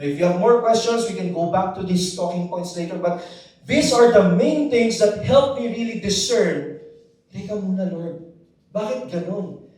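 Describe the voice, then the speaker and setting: A fairly high-voiced man with a Filipino accent tells his faith story to a crowd in a big hall, animated and easily mixing Tagalog with English. He keeps asking the crowd to answer back. His voice booms around the very echoey room, picked up from a distant mic. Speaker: faith talk speaker. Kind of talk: personal testimony to a live audience. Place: large hall with a live audience.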